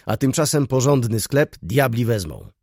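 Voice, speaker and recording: Man playing a pompous moralizing shopkeeper, emphatic, husky, dry sound, audiobook. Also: mid-range voice, very animated, normal speed, darkish tone, no room sound. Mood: sententious. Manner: sententious, emphatic pronouncements.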